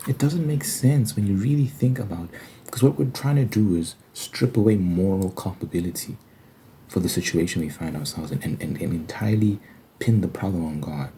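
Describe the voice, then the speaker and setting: Speaking low and mellow, a man hosts an ASMR Bible study channel, arguing his views with emphasis and plenty of rhetorical questions in a casual commentary. A little background noise is audible.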